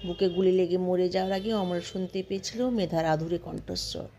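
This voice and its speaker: A woman reading a short story aloud in a steady, measured narration. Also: lowish voice, a little hiss or hum. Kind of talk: scripted narration.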